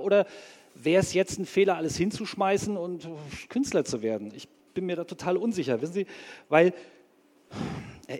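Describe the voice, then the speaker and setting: An actor playing an anxious, earnest bank clerk who rambles hesitantly as a polite caller in a comedy sketch. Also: male voice, fairly high pitch, a little mellow, in a large hall.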